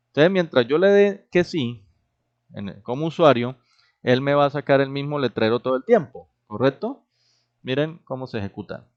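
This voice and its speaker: A man teaching a programming class, explaining step by step and often checking that the students follow. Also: mid-range voice. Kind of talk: classroom lecture. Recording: dull, lo-fi recorded class.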